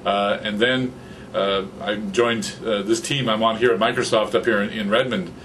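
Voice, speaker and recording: Fairly low in pitch and at a moderate pace, a fifties-aged podcaster chats with a guest in a casual interview, slight background noise audible. The small office has computers and a studio condenser mic stands in front of him; he's animated, gestures a lot and gets excited.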